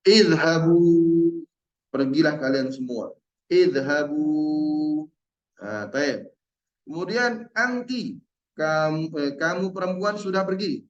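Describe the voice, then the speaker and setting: A male teacher in an online Arabic lesson, patiently drilling verb forms and repeating each word slowly. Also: a little high, expressive, fairly bright tone. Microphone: video call. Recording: roomy and dull-sounding.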